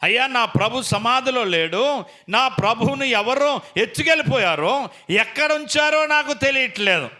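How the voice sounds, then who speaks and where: A man's voice: very high voice, lively intonation, normal speed, pushed and bright, voice pushed up, exaggerated voice. A man speaking as a grieving woman who begs to know where her lord was taken, in a pleading, tearful way.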